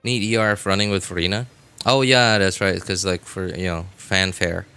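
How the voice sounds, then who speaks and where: With soft music in the background, a man streams a video game and chats informally with viewers, laid-back and muttering asides to himself. His low-pitched voice is bright, forceful and clean, with fairly even intonation at a moderate pace, and the recording is dry.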